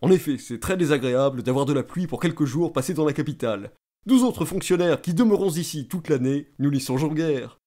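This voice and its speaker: A man's voice: on the high side, expressive, a little fast, dark tone, close to an everyday voice. A man voicing a pompous, talkative middle-aged state councillor who lectures and boasts eagerly. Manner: self-important, eager, lecturing.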